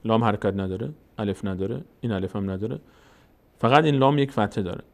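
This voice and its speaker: A man teaching Quran reading, explaining each letter and vowel mark, then chanting the verses slowly to show the right sound. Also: on the low side, gravelly, a little mellow. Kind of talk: recitation lesson.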